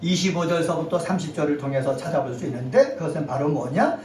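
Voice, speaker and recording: A man with a high-pitched voice preaches a Sunday sermon, swelling to near-shouts on key lines and leading the congregation to repeat phrases after him. He is caught from some distance in a reverberant church hall. A faint hiss sits under his voice. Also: expressive, fast. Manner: leads the congregation in call-and-response. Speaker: pastor. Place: church sanctuary.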